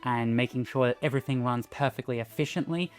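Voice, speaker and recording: Halting, mid-pitched male commentator. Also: soft background music. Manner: halting, thinking aloud. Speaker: co-host commenting on a comic. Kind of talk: casual analytical commentary.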